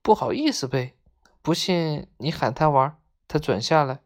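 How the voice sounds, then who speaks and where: A woman's voice: sits low, animated, moderate pace. A woman voicing a chatty young male animal friend who coaxes in a conspiratorial way. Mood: coaxing. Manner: coaxing, conspiratorial.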